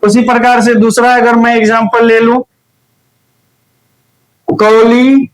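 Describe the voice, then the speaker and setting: A man's voice: extremely high pitch, level tone, unhurried, faint music behind, poor audio. A young adult man with a Bihari accent teaching grammar, explaining step by step and often checking whether the class is following. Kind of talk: recorded grammar lesson.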